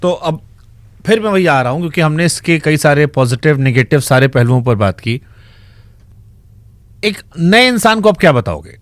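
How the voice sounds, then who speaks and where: A man's voice: on the high side, animated, moderate pace, long pauses, dry recording. A man interviewing a guest, pressing and rephrasing his questions.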